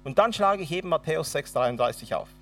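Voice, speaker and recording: A man's voice: on the high side, lively intonation, fast talker, a bit bright, distant mic. A man with a Swabian accent preaching a sermon and telling his own testimony, acting out the dialogue dramatically. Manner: dramatic storyteller, acts out dialogue.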